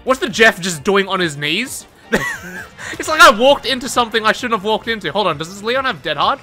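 A man giving casual, excitable, profane commentary over his own gameplay, laughing often. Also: high voice, a little fast, soft background music. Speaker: gaming YouTuber.

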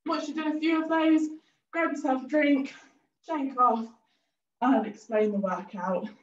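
A woman's voice: sits high, fairly even intonation, a little slow. A woman leading a cardio class, giving upbeat cues and countdowns while out of breath. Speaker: fitness instructor. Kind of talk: workout instruction with countdowns. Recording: roomy, distant and a bit dull.

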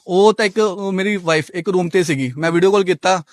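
A man's voice: sits high, fairly even intonation, no echo, studio quality. A young man from Punjab, India, giving an insistent, repetitive account as the complainant in a street interview. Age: young adult. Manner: rapid, repetitive, insistent telling.

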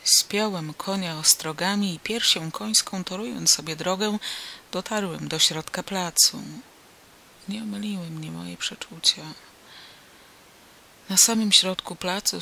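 A woman reads a classic adventure story aloud for an audiobook. Her delivery is theatrical and ornate, her tone bright, and a gravelly rasp runs through her voice. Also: medium pitch, slight background noise. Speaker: audiobook reader. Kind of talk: scripted storybook narration.

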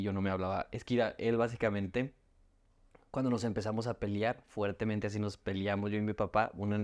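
A young man with a Mexican accent, heartfelt and halting as he tells his own life story on a podcast, often restarting his words. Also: fairly low pitch, darkish tone. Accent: Mexican Spanish. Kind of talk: emotional personal storytelling.

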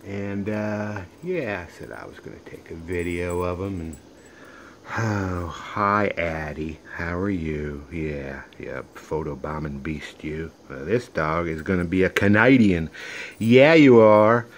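A man's voice: low-pitched, a little slow, a bit bright, slight background noise. A man filming puppies on his back porch, chatting to viewers and sweet-talking the dogs in a folksy, easygoing way. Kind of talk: casual home video, talking to puppies and viewers.

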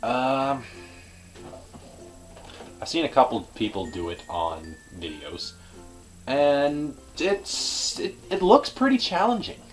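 A young man casually introducing his vlog in a deadpan, reluctant way. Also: mid-range voice. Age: young adult. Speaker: vlogger. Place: indoors at home. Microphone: camera mic. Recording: roomy, slightly distant camera microphone.

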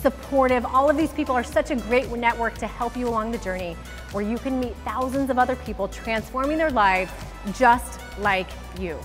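A woman in her thirties, a fitness coach co-hosting a promo, speaking in a bubbly, enthusiastic, emphatic way on a lapel mic in a bright studio. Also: on the high side, moderate pace, in a large hall, faint music behind. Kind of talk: scripted promo pitch. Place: large bright indoor studio.

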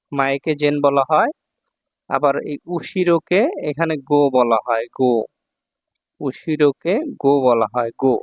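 A man's voice: on the high side, dry recording, clean studio sound. A man teaching Japanese kanji in Bengali, patiently repeating each reading and checking in with his students. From Bangladesh. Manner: patient, repeats each word several times, checks in with the listener. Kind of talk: kanji lesson explained in Bengali.

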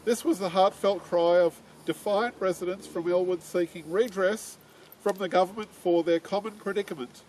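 A man's voice: sits high, fairly even intonation, moderate pace, a little mellow, poor audio. An older Australian man leading a walking tour outdoors, reading history from notes with frequent ums and restarts. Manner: reads aloud from notes, with many ums and restarts. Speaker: tour guide. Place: outdoors on suburban streets. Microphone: far camera. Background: street noise and traffic.

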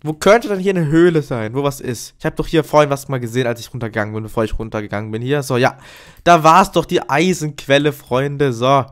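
A gaming YouTuber with a cold chats cheerfully through a casual Let's Play, often calling his viewers friends. His voice is smooth and medium-pitched, and he talks fast.

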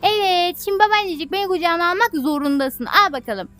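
Very high-pitched excitable woman gamer. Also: quick pace, soft background music. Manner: excitable, playful, squeals and shrieks in alarm. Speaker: gaming YouTuber. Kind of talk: playful gameplay commentary.

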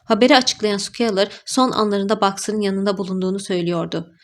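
A woman narrating an audiobook with an even, measured reading style. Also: mid-range voice. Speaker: audiobook reader. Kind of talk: scripted narration.

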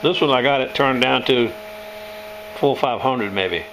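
A man's voice: medium pitch, a little slow, a bit bright, slight background noise, low-quality recording. An older man, casually demonstrating tools in his home workshop, rambling and folksy. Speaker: knife sharpener showing his shop tools.

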